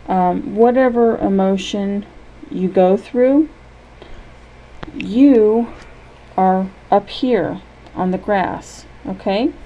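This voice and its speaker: Mellow-voiced woman guiding an imagery lesson. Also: medium pitch, slight background noise, rough recording. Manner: gentle, unhurried, checks in often with "okay?".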